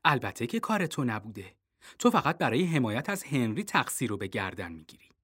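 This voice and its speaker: A man's voice: medium pitch, big pitch swings, a bit bright, slightly rough, voice pushed down. A man voicing a fussy mother who snaps at one son and coos at the other in a storybook reading. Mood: soft coaxing.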